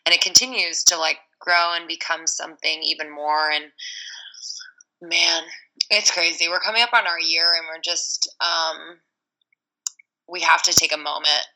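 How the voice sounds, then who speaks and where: A woman's voice: low voice, steady tone, moderate pace, sharp tone, poor audio. A woman of thirty, a podcast guest, talking in a rambling, casual way with many fillers. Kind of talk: casual interview chat.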